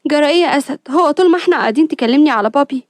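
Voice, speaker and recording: A woman's voice: high-pitched, very fast, no room sound, clean studio sound, natural voice. A woman doing a pouty rich flirt. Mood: pouting.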